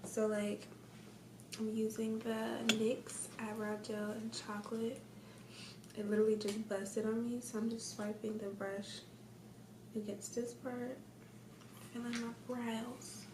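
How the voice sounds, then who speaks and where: A woman chatting casually through a makeup tutorial in a monotone, subdued early-morning delivery. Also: a little high, takes it slowly, pauses often. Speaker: beauty YouTuber. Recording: roomy, distant mic, clear background noise.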